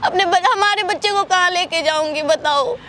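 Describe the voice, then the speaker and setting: A woman's voice: very high voice, moderate pace, pushed and bright, slight background noise. A woman playing a tearful pregnant young woman, begging. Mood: pleading. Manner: pleading, tearful, repeating "please don't". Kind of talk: staged street prank drama. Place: outdoor city park.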